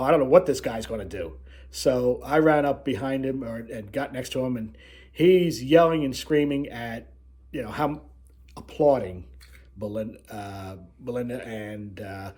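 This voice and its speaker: A man hosting a casual, unscripted video, telling his story in a rambling way with frequent pauses. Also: mid-range voice, a little mellow. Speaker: video host, cruise vlogger.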